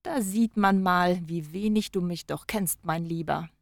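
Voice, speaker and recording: A man's voice: sits high, a little slow, gravelly, dry recording, studio quality, voice pushed up. A male audiobook narrator voicing a frank young woman on the phone, speaking in a teasing, wry manner. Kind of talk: audiobook character voice.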